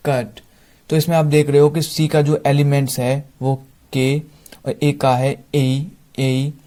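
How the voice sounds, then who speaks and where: Indian male tutor, flat delivery, unhurried, explains and repeats words one at a time. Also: mid-range voice. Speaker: English teacher. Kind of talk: Hindi-language phonetics lesson.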